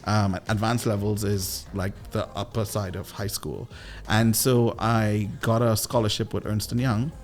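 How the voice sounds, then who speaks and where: Animated Trinidadian man telling stories. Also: lowish voice, measured pace, soft background music. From Trinidad and Tobago. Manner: animated, playful, with lively voiced asides. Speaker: guest, entrepreneur and business coach. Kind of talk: casual interview storytelling.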